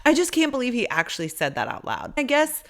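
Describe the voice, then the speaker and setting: A woman's voice: high voice, wildly swooping pitch, quick pace, a bit bright. A woman co-hosting a podcast, reacting bluntly and emphatically in casual chat, with some swearing. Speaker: podcast co-host.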